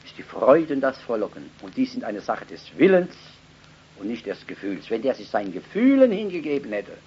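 Husky male preacher, slow and emphatic, on a dull lo-fi recording. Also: mid-range voice, sing-song. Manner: emphatic, swinging between loud stresses and soft asides. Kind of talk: sermon with Bible reading.

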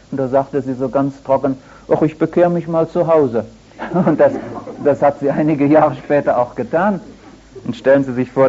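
An older man delivers a sermon with an easy, storytelling manner and a dry touch of humor. His voice sits in an ordinary middle register. The sound is dull and lo-fi, like an old radio broadcast. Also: mid-range voice. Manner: conversational, anecdotal preaching with gentle humor. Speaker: preacher.

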